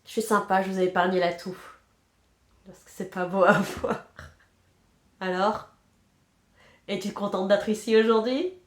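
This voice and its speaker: Knitting at home with a cold, a woman in her thirties hosts her podcast in a chatty, self-mocking way, drifting off now and then to count stitches. She speaks at a measured pace in a steady, medium-pitched voice, pausing often, and the sound is reverberant.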